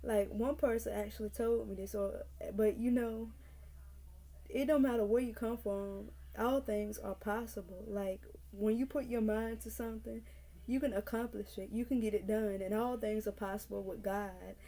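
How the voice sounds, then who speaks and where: In a casual vlog recorded on her camera mic, a nineteen-year-old woman from North Carolina earnestly repeats her points to spur the viewer on. She has a mid-range, dark-toned voice with fairly even intonation and a moderate pace.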